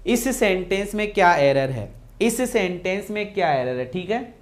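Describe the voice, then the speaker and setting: A man's voice: high voice, lively intonation, normal speed. A man teaching English grammar in a classroom lecture, repeating key phrases and quizzing his students.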